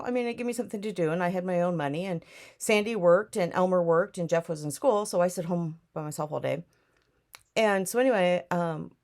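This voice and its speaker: A woman, casually telling a personal life story in a rambling, reflective way. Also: sits low. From Newton, Iowa, USA. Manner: rambling, reflective, often drifting back with "anyway". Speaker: storyteller recounting her life.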